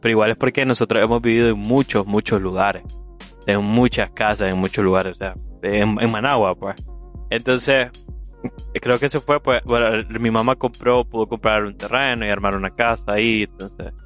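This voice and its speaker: A young man with a Nicaraguan Spanish accent chatting casually and reflecting in a halting way, often restarting his sentences. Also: on the low side, steady tone, a bit bright, soft background music. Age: young adult. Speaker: older brother. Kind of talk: casual chat.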